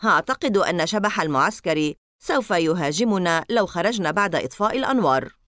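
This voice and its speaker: A woman's voice: fairly low pitch, lively intonation, fast, fairly bright tone, dry recording, clean studio sound. A woman voicing an eager, mischievous boy at summer camp. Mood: teasing. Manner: eager, teasing.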